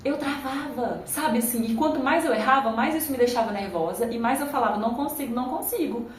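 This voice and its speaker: A woman's voice: fairly high pitch, brisk, roomy sound, slight background noise, poor audio. A woman talking casually to viewers in a vlog, recorded on a phone camera. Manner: chatty, conversational, addresses viewers directly. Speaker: YouTuber.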